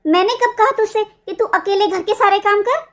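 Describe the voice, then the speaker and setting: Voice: very high-pitched, normal speed, a bit bright. A voice actor doing a nagging cartoon mother-in-law. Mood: accusing. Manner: nagging, accusing. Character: scolding middle-aged mother-in-law, controlling and complaining. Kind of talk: cartoon dubbing.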